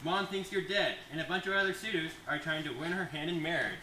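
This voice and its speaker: A man's voice: on the high side, fast talker, close to an everyday voice. A young man playing a snarky teenage son in an amateur comedy skit, sarcastic and teasing. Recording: distant, echoey, faint noise.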